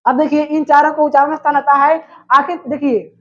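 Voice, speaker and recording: A woman's voice: sits high, fairly even intonation, brisk. A woman teaching a grammar class. She asks questions and then answers them herself. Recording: dull lo-fi recording.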